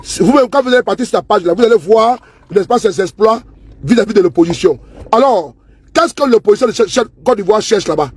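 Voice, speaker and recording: A man's voice: high-pitched, lively intonation, a little fast, slightly rough. A man giving casual, scornful political commentary to camera, repeating himself and asking viewers if they see. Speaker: political vlogger. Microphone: phone or camera he handles himself.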